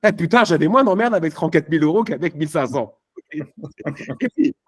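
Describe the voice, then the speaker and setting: Fairly quick and lively in intonation, this slightly high male voice delivers a motivational talk live at a network marketing event. He's punchy and emphatic, addressing the crowd casually with slang, lots of fillers, and restarts.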